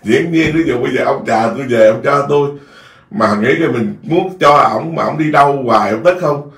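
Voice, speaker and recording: A man's voice: mid-range voice, normal speed, fairly bright tone. A man with a Southern Vietnamese accent, a Buddhist monk telling a rambling story in an informal dharma talk, often repeating words. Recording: echoey room, distant mic.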